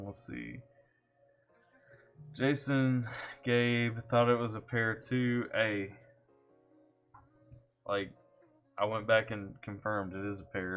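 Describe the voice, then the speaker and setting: A fairly low, slightly bright voice belongs to a man from Kentucky with a Southern accent who does music reaction streams. Relaxed and jokey at his home computer setup, he reads chat aloud and greets viewers by name.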